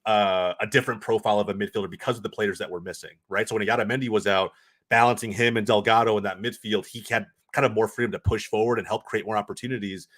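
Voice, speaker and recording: A man talking as a guest pundit on a casual football podcast, analysing quickly with many restarts and "right?" asides. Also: fairly low pitch. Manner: fast, animated analysis with restarts and "right?" tags.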